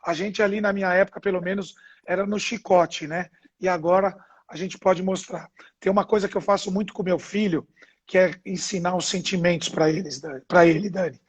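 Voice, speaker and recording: A man's voice: sits high, fairly even intonation, fairly quick, husky, lo-fi sound. A Brazilian man, a father and guest, explaining earnestly with everyday examples in a casual chat. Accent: Brazilian Portuguese. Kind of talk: casual video-call chat.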